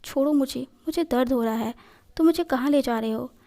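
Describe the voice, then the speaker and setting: A frightened young man who begs to be let go, as a woman reads him. The voice is fairly high, with a dark, mellow tone. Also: fairly quick. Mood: scared. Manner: pleading and fearful.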